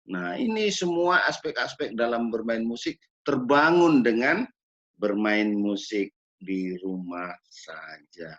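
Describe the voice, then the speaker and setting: A man gives a measured lecture on children's music education, pausing to ask rhetorical questions. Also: medium pitch, lively intonation, fairly bright tone. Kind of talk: recorded lecture. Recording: dull lo-fi recording.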